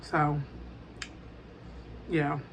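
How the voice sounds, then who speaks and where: A woman chatting casually and emphatically to her viewers while eating, repeating phrases and pausing with little mm sounds. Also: low voice, level tone, creaky, slight background noise. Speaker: mukbang vlogger.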